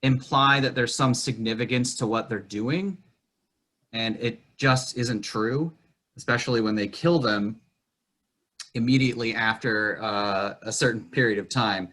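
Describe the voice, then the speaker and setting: Male podcast host, bright tone, loose rambling delivery with swearing, remote call audio. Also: medium pitch, unhurried. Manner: rambling, crude, with many fillers. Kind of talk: casual chat. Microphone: remote call recording.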